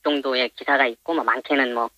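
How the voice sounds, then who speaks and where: A man with an electronically disguised voice politely and haltingly explains things as an anonymous interviewee. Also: steady tone, bright, forceful tone, dry recording. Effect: voice disguised by pitch-shifting for anonymity. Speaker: minibus driver interviewed anonymously. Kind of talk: plain interview answers. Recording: dull, band-limited phone interview audio.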